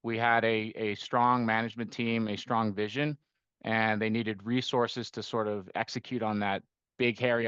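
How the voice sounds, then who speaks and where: A man's voice: lowish voice, a bit bright, no room sound, lo-fi sound. A middle-aged man who grew up in Costa Rica, talking through his investment work as a podcast guest, with many restarts and rhetorical "right?" tags. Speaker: guest, investment firm managing partner. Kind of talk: conversational podcast interview.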